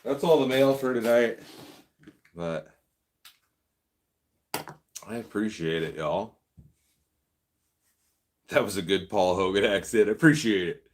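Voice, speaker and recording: A man's voice: on the low side, takes it slowly, long pauses, background noise. A man hosting a casual live stream, reading viewer comments and chatting in a laid-back way, laughing often. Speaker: livestream host.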